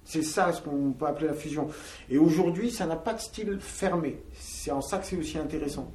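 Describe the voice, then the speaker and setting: Band member from Algeria, male, slightly higher voice, chatty and halting, recorded roomy and off-mic. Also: darkish tone. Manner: talkative, searching for words with many fillers. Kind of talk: interview answers. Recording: roomy, from a distance.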